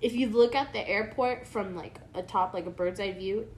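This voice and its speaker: A woman's voice: medium pitch, moderate pace. A woman co-hosting a podcast in loose casual chat. She rambles through her points with filler words and swears now and then. A faint hiss runs under the recording. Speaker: podcast co-host.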